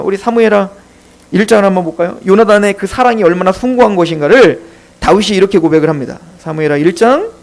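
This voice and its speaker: A man preaching a sermon as pastor in a church, telling the story dramatically and acting out the scenes. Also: sits high.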